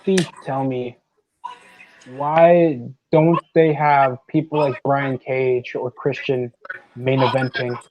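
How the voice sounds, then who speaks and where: A man's voice: mid-range voice, fairly even intonation, slow pace, highs cut off, slight background noise. A man on a wrestling watch-along panel, ranting bluntly in casual chat and swearing freely.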